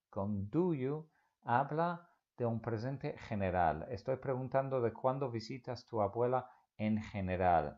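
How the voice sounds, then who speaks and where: Give me a patient male language teacher who talks slowly, recorded with a muffled, lo-fi sound. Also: mid-range voice, a little mellow. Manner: patient, repeats example questions slowly. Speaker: English teacher. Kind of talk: explaining English grammar to Spanish speakers.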